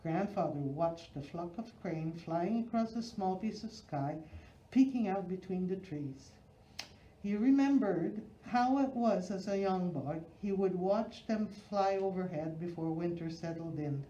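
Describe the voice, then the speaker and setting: Reading a children's picture book aloud, a storyteller delivers it expressively, phrase by phrase with emphasis, in a lowish, mellow voice at a slightly slow pace. The recording is roomy and a little dull.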